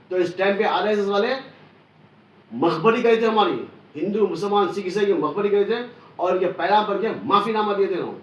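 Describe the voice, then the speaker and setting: A man delivering an angry, combative political rant, forceful and repetitive. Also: high voice, lo-fi sound. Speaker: online news commentator. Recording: echoey room, distant from mic.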